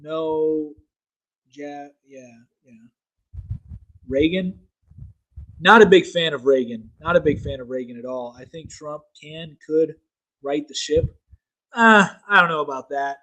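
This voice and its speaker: A man's voice: on the high side, slow pace, long pauses, pushed and bright, low-quality recording. A young man hosting a casual solo political talk show, rambling, repeating himself and using many fillers. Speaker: show host.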